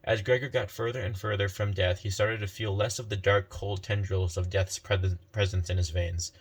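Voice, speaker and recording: A man's voice: fairly low pitch, flat delivery, moderate pace, husky. A man narrating a fantasy story as a storyteller, reading unhurriedly and often correcting himself.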